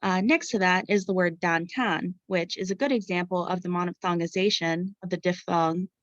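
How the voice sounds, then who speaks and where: A woman's voice: lowish voice, moderate pace, no echo, lo-fi sound. A young American woman reading out a scripted academic presentation in a formal, careful way, as a student researcher. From Pittsburgh area, United States. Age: young adult. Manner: formal, carefully read-out delivery.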